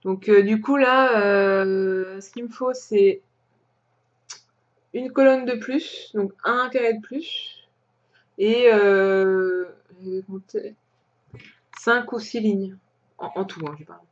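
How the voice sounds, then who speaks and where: A woman from France hosting a crafting podcast, chatting casually and hesitantly with plenty of pauses and restarts. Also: medium pitch, steady tone, dull audio. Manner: hesitant, many fillers and restarts, chatty with light laughs. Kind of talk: casual show-and-tell chat.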